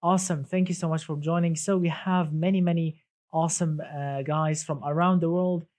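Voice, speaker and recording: A man's voice: a little high, fairly even intonation, moderate pace, a little mellow. A man hosting a casual gaming live stream, chatty and enthusiastic, greeting viewers and reading the chat aloud.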